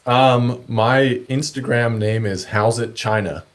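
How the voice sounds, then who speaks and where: A man's voice: medium pitch, steady tone, slow. A man chatting casually and telling anecdotes in laid-back, slangy talk as a podcast guest. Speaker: podcast guest, kayak angler.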